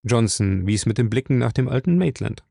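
A male narrator reading a novel aloud in a steady, dramatic way. His voice sits at an ordinary pitch with a gravelly edge, recorded dry and close. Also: brisk, dry recording. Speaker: audiobook narrator. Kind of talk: scripted narration.

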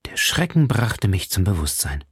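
A man voicing a proud, wronged noblewoman who pleads and accuses with intense drama, dropping into hushed whispers at times. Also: sits low, big pitch swings, moderate pace, breathy edge, dry recording, studio quality, full character voice. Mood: grieving.

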